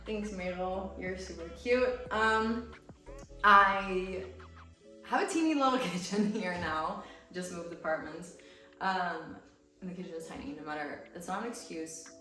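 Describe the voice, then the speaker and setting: A young American fitness creator, raised speaking Romanian, chats and laughs through fan questions in a casual Q&A vlog. Her voice is on the low side, a little slow, bright and forceful, and her manner is bubbly. The room is echoey, with music playing in the distance.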